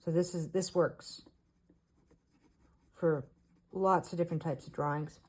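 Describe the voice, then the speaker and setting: A woman with a Canadian accent giving a casual art tutorial voice-over, talking in short, halting phrases with fillers. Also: deep voice, fairly even intonation, a little mellow, slight background noise. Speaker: artist teaching beginners.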